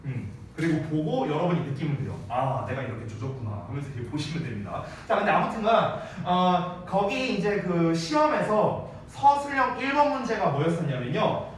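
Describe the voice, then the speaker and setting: A male teacher gives a grammar lecture in a very echoey classroom, his voice caught from some distance away. He speaks with a somewhat high, very animated pitch. His manner is casual and playful, and he slips between polite and informal speech. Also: normal speed, hardly any pauses, slight background noise. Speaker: English teacher. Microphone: wearing a mask, mic some distance away. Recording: very echoey room, voice off-mic with faint ambience.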